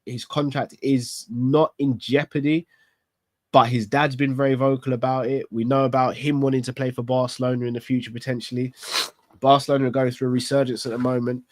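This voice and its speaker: Here a man with a mid-range voice talks fairly quickly in a flat delivery, captured in a dry recording. He hosts a football fan channel's live stream from a small club-decorated studio set, sounding congested from a cold. It's candid, casual chat, with him thinking aloud and asking rhetorical questions.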